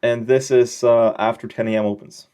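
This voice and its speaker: A young trading educator walks through a casual lesson on his screen, loose and chatty, tossing in slangy jokes and frequent check-in questions. His medium-pitched voice is mellow, clear and resonant, with a flat delivery at normal speed.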